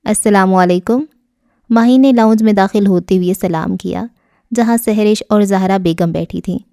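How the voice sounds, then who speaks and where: A woman narrating a novel in steady, even storytelling for an audiobook. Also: mid-range voice, vocal fry, dry recording, clean studio sound.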